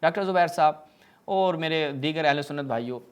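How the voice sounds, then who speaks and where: A man's voice: a little high, clean tone. A man giving a polemical religious lecture, reading narrations aloud and mocking them with sarcastic asides. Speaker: religious speaker.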